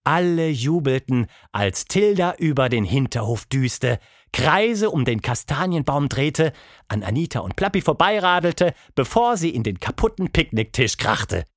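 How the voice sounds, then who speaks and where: Expressive storybook narrator man. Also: unhurried, no echo, clean studio sound. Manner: expressive, voices characters with pitch jumps.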